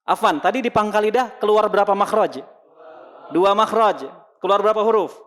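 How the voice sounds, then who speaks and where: A man's voice: high voice, normal speed, a bit bright. Man teaching Quran sounds. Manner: asks questions and answers them himself; demonstrates Arabic letter sounds. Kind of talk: lesson to a congregation.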